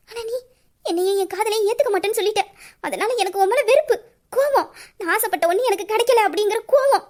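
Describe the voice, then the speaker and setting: A woman's voice: very high voice, a little mellow. A woman voicing a remorseful young woman in an audio drama who pleads through tears and confesses a secret plan for revenge. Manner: sobbing, pleading, guilt-ridden. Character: tearful young woman hiding a revenge scheme. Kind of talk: emotional audio drama acting.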